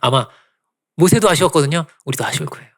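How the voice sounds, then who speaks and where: Animated Korean-speaking pastor preaching. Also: male voice, on the high side. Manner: animated storytelling with asides to the congregation; soft, drawn-out prayer. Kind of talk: sermon.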